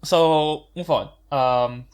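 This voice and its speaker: A man's voice: fairly high pitch, drawn-out words, smooth. Male podcast co-host; casual and argumentative, swears when rattled. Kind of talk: casual chat.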